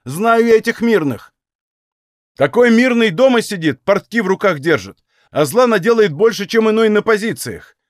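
A stubborn young Cossack, as a male reader puts him on, blunt and coolly defiant, talking in plain rural speech. His tone moves up and down with lively turns. The sound is close and dry. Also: high-pitched, normal speed, no echo, pitched above the performer's own voice.

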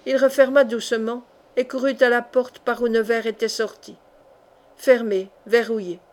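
A woman narrating a classic adventure novel in a measured, expressive audiobook reading. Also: on the high side. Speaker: audiobook reader.

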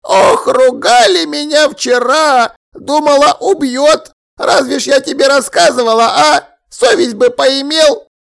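A man voicing a fussy, gossiping elderly woman neighbor in an audiobook, with a scolding, conspiratorial manner and drawn-out exclamations. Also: very high-pitched, gravelly, a bit bright, pitched above the performer's own voice, heavily acted. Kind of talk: audiobook character voice.

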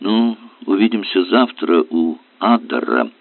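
A man reading the lines of a man woken from sleep who speaks in a brisk, concerned way. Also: fairly low pitch, gravelly, no room sound. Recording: dry, tinny phone-like sound.

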